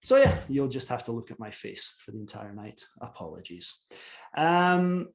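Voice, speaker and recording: A man's voice: mid-range voice, normal speed, creaky, slight background noise. A Scottish man in his forties giving a casual, self-deprecating talk on a video call from his home office. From Scotland. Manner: relaxed, self-deprecating, chatty. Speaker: author giving a lecture.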